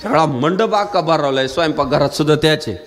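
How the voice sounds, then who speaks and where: A male kirtan preacher with a fairly high voice tells a comic story as part of his sermon. He drops low and leaps high as he acts out each person in the tale. Faint music plays behind him. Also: a little fast. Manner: animated storyteller, swinging his pitch high and low to act out characters. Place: live kirtan gathering.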